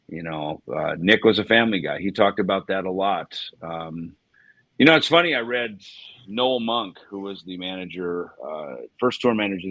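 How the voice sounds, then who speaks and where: A man's voice: low voice, a bit bright, no echo, poor audio. A man in his fifties co-hosting a livestream, telling loose, rambling stories full of fillers, restarts and chuckles. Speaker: livestream co-host. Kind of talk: casual storytelling reminiscence.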